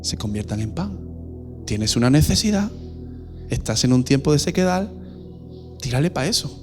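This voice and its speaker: A man's voice: mid-range voice, very animated, normal speed, soft background music, natural voice. A preacher voicing the devil as a sly, chummy male tempter in a sermon. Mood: coaxing. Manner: chummy, coaxing, mocking.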